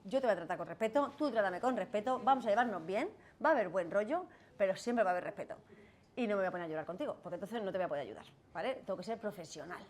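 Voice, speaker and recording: A woman's voice: mid-range voice, lively intonation, rapid-fire, a little mellow. A woman lawyer with a Spanish accent, giving a casual lecture to students and often checking in with "right?". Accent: Spanish from Spain. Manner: chatty, asks "¿vale?" and "¿no?" often, acts out quoted voices. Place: classroom.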